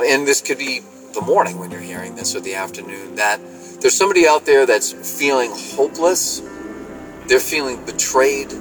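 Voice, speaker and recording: A man from Massachusetts leaves an uplifting call-in message over a phone line from inside his car. He sits a little away from the mic, and music plays steadily underneath. His delivery is earnest and halting, with frequent fillers. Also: mid-range voice, fairly bright tone, recorded from a distance. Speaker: caller.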